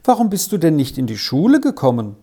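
A storybook reader voicing Sally, a lively young schoolgirl who talks quickly and eagerly. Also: mid-range voice.

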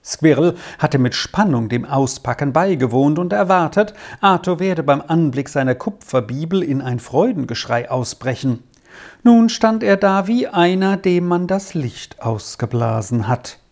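An audiobook narrator telling a children's story in a calm, measured way. The voice sits at a middling pitch and stays even from sentence to sentence. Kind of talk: scripted narration of a children's novel.

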